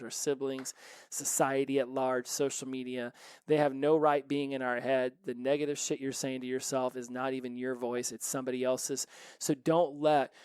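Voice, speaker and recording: A man's voice: mid-range voice, clean tone, no echo. Emphatic man hosting a self-help podcast. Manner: energetic, emphatic, playful. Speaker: podcast host. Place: his office.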